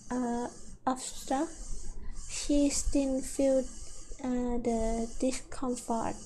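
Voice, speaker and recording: A woman streaming a game, reading translated text aloud in a halting way. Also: high-pitched, mellow, a little hiss or hum, rough recording. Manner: slow, halting delivery.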